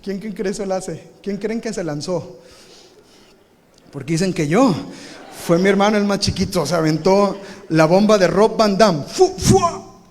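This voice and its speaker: A male pastor preaching live in a big church, telling a lively story and punctuating it with shouted sound effects. His voice sits high for a man and carries a long hall reverb. It sounds like a recorded church service. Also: normal speed, slight background noise. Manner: animated, acts out scenes with shouted sound effects. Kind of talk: sermon with comic storytelling.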